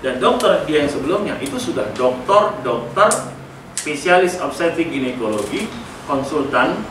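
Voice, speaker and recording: A middle-aged man leading a school workshop, telling a story with lively acted-out dialogue. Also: a little high, normal speed. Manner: animated storyteller, acting out dialogue with laughter. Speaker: workshop speaker. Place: school hall. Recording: echoey hall, voice from a distance, noisy.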